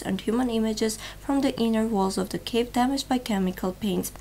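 A young woman presenting a read news bulletin in a television studio, in a steady, formal newsreading manner. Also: mid-range voice, slight background noise.

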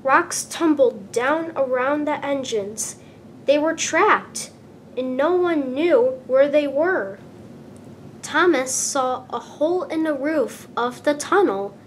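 Stressing words deliberately and expressively, a woman reads aloud from a children's storybook, while a distinct low-rumbling background noise can be heard.

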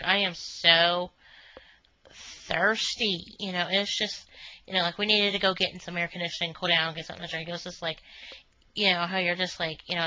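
Chatty woman, bright dry voice. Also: lowish voice, no echo, muffled recording. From Northern Kentucky, USA. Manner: chatty, meandering, many fillers like "you know". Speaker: vlogger reviewing a restaurant. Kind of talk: rambling casual monologue.

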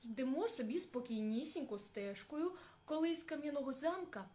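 A woman's voice: sits high, expressive, normal speed, darkish tone. A woman voicing a small, clever hare who speaks as politely as he can. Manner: polite, pleading.

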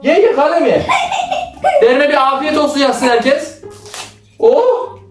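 Teasing young man with a lively voice. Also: extremely high pitch, unhurried. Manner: teasing, bossy, often laughing. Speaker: older brother directing a skit. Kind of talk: playful sibling role-play skit. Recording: roomy, from a distance, faint music.

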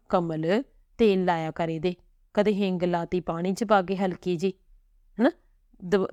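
Grieving older mother, read by a woman, tearful, slow, low and close. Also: warm tone, no echo, dull audio, close to an everyday voice.

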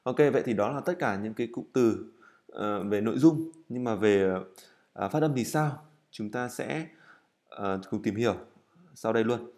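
Frequent fillers and self-corrections mark this recorded English lesson, where a man explains step by step while writing and drills vocabulary by saying words slowly and repeatedly. His voice is mid-range and a little mellow.

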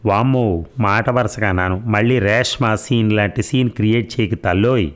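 Playful young husband, teasing and sulky in turns, low voice read by a male narrator. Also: normal speed, lightly acted. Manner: playful banter, mock pleading. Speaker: doctor.

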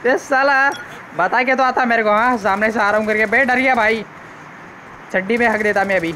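A man doing live gameplay commentary, excitable and joking with casually crude banter. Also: sits high, normal speed, noisy background. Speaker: gaming YouTuber.

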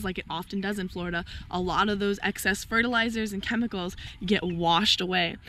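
A young woman, a biology student, who is hoarse and losing her voice, chatting enthusiastically outdoors on a golf course as she explains the wildlife around her. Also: fairly low pitch, fairly bright tone, a little hiss or hum. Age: young adult. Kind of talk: casual outdoor nature vlog.

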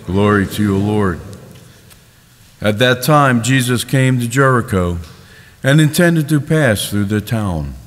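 A man reading the gospel aloud at Mass in a measured, solemn, formal manner. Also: medium pitch. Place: church. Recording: long church reverb.

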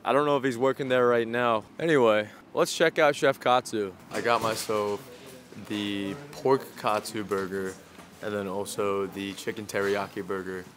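A man's voice: lowish voice, steady tone, moderate pace, fairly bright tone, slight background noise. A man in his twenties chatting casually in a food vlog, joking and laid-back, recorded on a clip-on mic. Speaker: food vlogger. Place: outdoors on a city street, then inside a busy small restaurant. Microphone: small clip-on mic on shirt.

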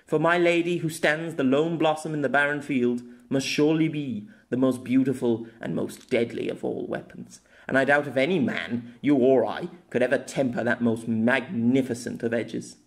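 A man with a natural, mid-range voice voices a proud young noblewoman in a fantasy story, reading a flowery plea aloud in a formal, declamatory way. His tone is steady and the mood solemn, delivered at a moderate pace with few pauses.

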